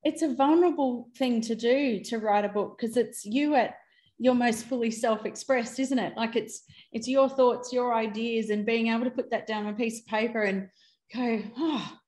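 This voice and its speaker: A woman's voice: a little high, steady tone, normal speed, a little mellow. Roomy-sounding woman hosting. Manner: encouraging, affirming. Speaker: interview host. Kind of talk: conversational podcast hosting. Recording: roomy, echoing voice recording.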